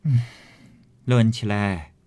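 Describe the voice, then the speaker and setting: A man voicing a sharp-tongued noble lady of the house, speaking in brisk, mildly scornful remarks from a classic novel. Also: lowish voice. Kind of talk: storytelling reading of a classic novel.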